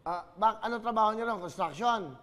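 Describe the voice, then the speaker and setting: Loud urgent game show host. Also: male voice, high-pitched, fairly quick, big-room sound. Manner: loud, urgent and coaxing on the phone. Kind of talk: live phone-in game show banter.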